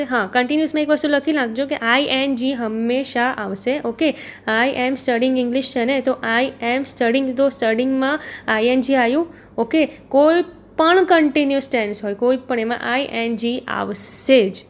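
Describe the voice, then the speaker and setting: A young woman with a Gujarati accent teaching an English grammar lesson. Her voice sits a little high. She goes over each point more than once and keeps checking whether her students are following. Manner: patient, repeats points, checks in with filler questions. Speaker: English teacher for exam aspirants. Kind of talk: explanatory lesson.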